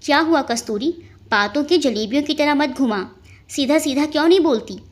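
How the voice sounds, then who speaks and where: A woman's voice: sits high, a little fast, lightly acted. A woman voicing a proud, irritable older mother who scolds sharply in a storybook reading. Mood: angry.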